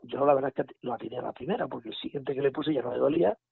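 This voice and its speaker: Gravelly man from on a phone line. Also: medium pitch, rapid-fire, dry recording. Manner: animated retelling with quoted dialogue and restarts. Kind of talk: casual storytelling.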